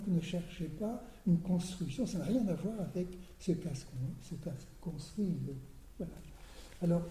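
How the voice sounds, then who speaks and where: An older man giving an academic lecture, hesitant, repeating words and often clearing his throat. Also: fairly high pitch, dark tone. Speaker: lecturer on Persian poetry. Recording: roomy hall sound.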